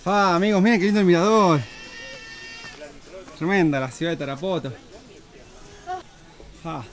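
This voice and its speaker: A man's voice: high-pitched, moderate pace. A young man with an Argentine Spanish accent, talking enthusiastically to viewers while walking outdoors. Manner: enthusiastic, addresses viewers directly. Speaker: travel vlogger. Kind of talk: casual walking vlog. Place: outdoors on city streets.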